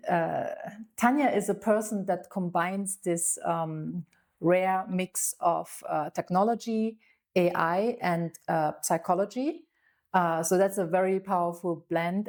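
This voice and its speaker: A woman hosting an interview podcast, introducing her guest with many pauses and fillers. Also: lowish voice, a little mellow. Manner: slow, hesitant, many fillers. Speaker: podcast host.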